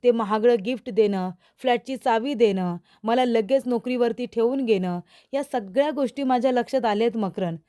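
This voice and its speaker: An angry young woman demanding answers from a man, as a woman narrator reads her part. The pitch sits a little high and the questions press hard. It is a spoken recap of a TV serial. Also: moderate pace, dark tone, close to an everyday voice. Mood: confronting.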